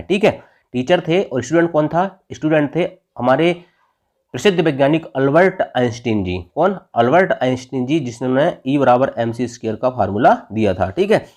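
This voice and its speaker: A man's voice: on the high side, a little mellow. Male teacher with an Indian accent, exam-prep grammar lesson, call-and-response delivery. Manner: constantly asks and answers his own questions; tags phrases with "theek hai".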